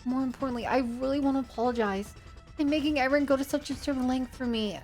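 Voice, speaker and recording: A woman voicing a gentle, earnest young woman in a video game, polite and apologetic. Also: high-pitched, quick pace, faint music behind, natural voice. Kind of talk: visual novel read-aloud.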